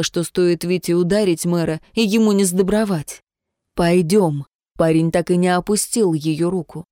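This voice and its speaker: A woman reading a romance novel aloud as narrator in a measured, dramatic way. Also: mid-range voice, warm tone, no room sound, clean studio sound. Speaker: audiobook narrator. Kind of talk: expressive scripted narration.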